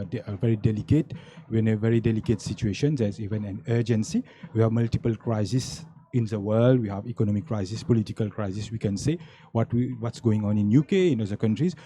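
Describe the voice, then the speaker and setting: Mauritian guy hosting a debate, real dark voice, kinda husky, lots of uhs. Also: mid-range voice. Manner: hesitant, many fillers. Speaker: debate host. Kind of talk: hosted panel debate.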